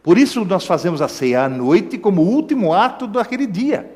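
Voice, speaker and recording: Brazilian pastor preaching, high lively voice, lots of questions to the crowd, big church echo. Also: male voice, normal speed. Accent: Brazilian Portuguese. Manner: emphatic preaching with rhetorical questions and asides to the congregation. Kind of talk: sermon. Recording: echoey church hall reverb.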